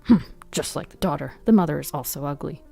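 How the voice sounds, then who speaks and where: A woman voicing a rude, scornful older father-in-law in a flat, sneering tone. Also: deep voice, quick pace, vocal fry, soft background music, pitched below the performer's own voice, full character voice.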